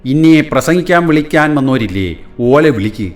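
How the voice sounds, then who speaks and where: A man's voice: fairly high pitch, expressive, moderate pace, pitched above the performer's own voice, lightly acted. A man voicing an elderly mother who fusses and scolds. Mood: fussing. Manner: scolding, fussing, plain-spoken. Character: elderly mother, worried and down-to-earth.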